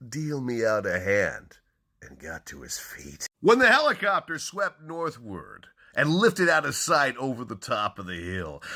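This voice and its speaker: A man giving a hammy, theatrical dramatic reading, launching lines loudly and dropping to hushed, breathy endings. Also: medium pitch. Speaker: book enthusiast reading aloud.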